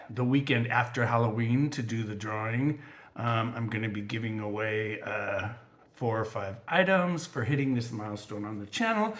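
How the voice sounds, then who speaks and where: A man's voice: medium pitch, fairly bright tone. A man chats casually to viewers of his crafting channel, rambling from one thing to the next. His voice is scratchy from allergies. He talks in a loose, friendly way, full of fillers. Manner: chatty, rambling, with frequent fillers. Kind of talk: casual vlog chat.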